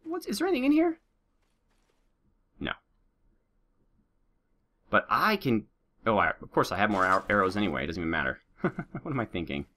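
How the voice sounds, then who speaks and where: A man with a lowish voice hosts a let's play, joking his way through gameplay at a moderate pace with long pauses. He sounds a little sick, slightly nasal with a sore throat. He's animated and playful, addressing both his troops and his viewers.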